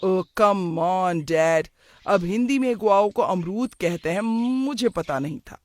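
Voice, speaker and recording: A relaxed young man in a cartoon moral story, voiced by a performer, speaking slowly and casually. He mixes English slang into his talk and shrugs off his elders. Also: medium pitch, no room sound. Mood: whiny. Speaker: son. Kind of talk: animated moral story dialogue.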